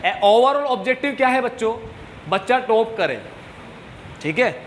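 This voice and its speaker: A man's voice: very high-pitched, expressive, normal speed, fairly bright tone, a little hiss or hum. A man teaching a commerce class to students, joking and scolding them now and then, with English terms mixed into his talk. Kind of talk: classroom lecture.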